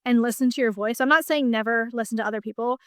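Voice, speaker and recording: A woman's voice: fairly high pitch, quick pace, no echo, studio quality. A woman business coach talking in a casual podcast conversation, chatty and full of "like" fillers. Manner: chatty, heavy use of "like" fillers.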